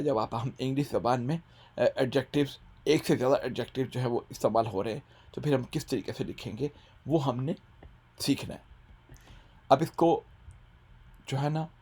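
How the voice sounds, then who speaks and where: A man teaching English grammar in a recorded lesson, speaking with a Punjabi-Urdu accent. His voice sits at an ordinary middle pitch. He walks through the rules step by step, poses questions to the viewer, and drags out each English example sentence very slowly. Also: a little mellow, husky.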